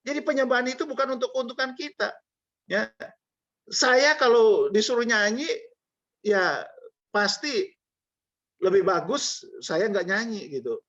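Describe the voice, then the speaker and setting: A man's voice: extremely high pitch, animated, a little slow, long pauses, a bit bright, muffled recording. A man preaching a sermon in a conversational way, with jokey asides to the congregation.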